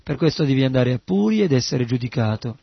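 A man voicing a calm, firm male magistrate who speaks in a measured, steady way. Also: mid-range voice, creaky, husky, no room sound, highs cut off. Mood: admonishing.

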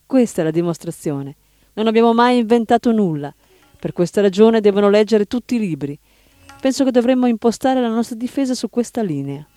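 A man's voice: sits high, animated, fairly quick, no room sound, soft background music, pitched above the performer's own voice. Man reading as an insistent old spiritual teacher. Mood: firm. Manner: emphatic, rising to sudden shouts. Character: elderly male spiritual teacher, firm and insistent.

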